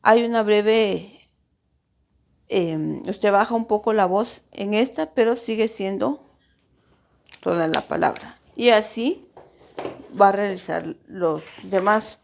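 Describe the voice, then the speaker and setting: Slow, patient woman teacher with vocal fry. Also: medium pitch, a little mellow. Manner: patient, stretches syllables to demonstrate stress; addresses pupils directly. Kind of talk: recorded grammar lesson for pupils.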